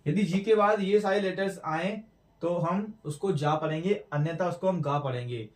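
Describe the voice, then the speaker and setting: A man's voice: high voice, recorded from a distance. Man teaching pronunciation in an echoey room. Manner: slow, repeats words for drill, stresses sounds. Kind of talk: classroom lesson explaining at a board. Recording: roomy echo, mic away from speaker.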